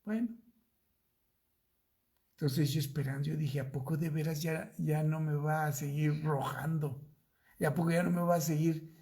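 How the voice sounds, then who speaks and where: A man's voice: on the high side, creaky, warm tone. A middle-aged man with a Mexican accent, a pastor telling a personal story in a Bible study sermon and acting out dialogue. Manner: slow, drawn-out storytelling with acted-out dialogue.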